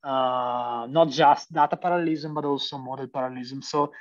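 Young man, Italian accent, guest lecturer, halting with fillers, distant lo-fi recording. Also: medium pitch, fairly even intonation. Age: young adult. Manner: hesitant, many fillers and restarts. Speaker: guest lecturer, PhD student. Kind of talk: university lecture. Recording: distant, dull lo-fi sound.

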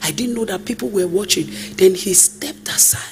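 A woman's voice: mid-range voice, normal speed. A woman preaching a storytelling sermon, acting out the people in her stories and sometimes slipping into a sung cadence. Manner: lively storytelling, acts out the people she quotes, drifts into a sung cadence. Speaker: prophetess preaching. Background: music.

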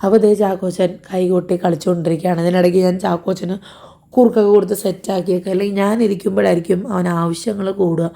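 A young woman with a hoarse voice and a blocked nose, narrating her day in a casual family vlog. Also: lowish voice, level tone, quick pace, dark tone. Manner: chatty, rambling daily-life narration. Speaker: family vlogger.

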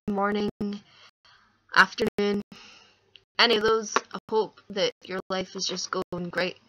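A young woman vlogger with a crackly, medium-pitched, slightly bright voice chats casually into a webcam up close. She rambles and puts herself down from a small, dimly lit indoor room, using a webcam or laptop microphone.

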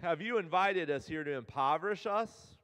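Male pastor, high-pitched, chatty storytelling sermon, long church reverb. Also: lively intonation, normal speed, a bit bright. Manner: casual storytelling, paraphrasing characters in everyday speech. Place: church sanctuary.

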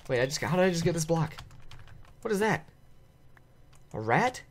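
A man narrating his video game play to viewers in an excitable, chatty way, laughing often and reacting out loud. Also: on the high side, normal speed. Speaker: gaming channel host. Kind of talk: let's play commentary.

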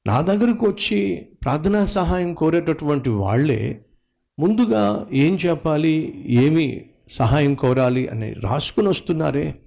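A man preaching a sermon as a pastor, asking rhetorical questions, repeating phrases and drawing out key words with big swings in pitch. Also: gravelly, a little mellow. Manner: sweeping pitch swings and drawn-out stressed words.

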